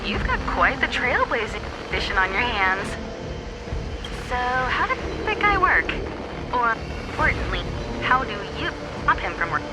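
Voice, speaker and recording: A breezy, teasing woman navigator in an anime game dub. Her voice is high and swings freely in a casual, lightly theatrical way. Loud music runs underneath. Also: very animated, unhurried, long pauses, poor audio.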